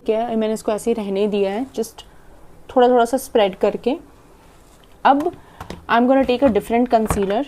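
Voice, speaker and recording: Young Indian woman, makeup vlogger, mellow tone, quick chatty delivery with swallowed words. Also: a little high, fairly even intonation, slight background noise. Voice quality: talks fast and swallows half her words. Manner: chatty, demonstrating while applying makeup. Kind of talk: casual makeup tutorial, Hindi-English mix.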